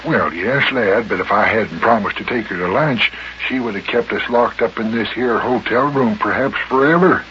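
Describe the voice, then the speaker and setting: A man's voice: on the low side, normal speed, hardly any pauses, bright, forceful tone. A man playing a blustery, stammering, folksy older mayor in a children's radio comedy. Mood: flustered, pleading. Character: folksy, flustered older male small-town mayor. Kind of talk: old-time children's radio comedy acting. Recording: dull, noisy old radio recording.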